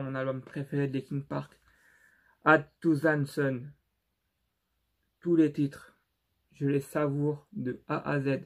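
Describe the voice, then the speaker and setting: Young male vlogger, non-native French accent, slow and halting, fairly high voice. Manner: halting and unsure, many fillers and restarts. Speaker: YouTuber showing his CD collection. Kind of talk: casual vlog commentary.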